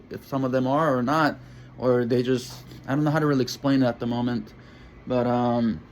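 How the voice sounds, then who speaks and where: A man vlogging in a casual monologue to camera, halting and rambling as he searches for words. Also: mid-range voice, a little mellow, slight background noise.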